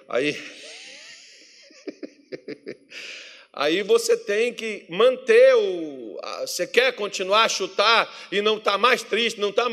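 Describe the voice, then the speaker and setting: High-voiced Brazilian pastor, joking sermon. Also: male voice. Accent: Brazilian Portuguese. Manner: humorous, animated preaching with acted-out quotes. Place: church.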